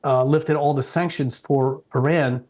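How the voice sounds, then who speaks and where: A medium-pitched, slightly mellow male voice with fairly even intonation and a somewhat slow pace: a middle-aged interview guest born in South Vietnam, speaking English. His manner is earnest and respectful, with many restarted sentences.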